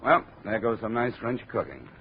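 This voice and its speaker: An actor playing a dry, wry insurance investigator who narrates in first person, in a 1950s radio drama. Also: male voice, fairly low pitch, very animated, normal speed, creaky. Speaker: narrator and lead. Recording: muffled old radio broadcast with music.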